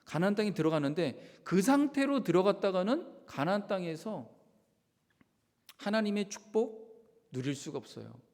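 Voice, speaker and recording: A man preaching a Sunday sermon with a lively, swinging delivery, his voice rising and falling as he acts out quoted lines. His fairly high voice carries through the long reverb of a church sanctuary, sometimes sinking to a whisper. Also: moderate pace. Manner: animated preaching, acting out quotes of God and Moses, dropping to a whisper at times. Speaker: pastor.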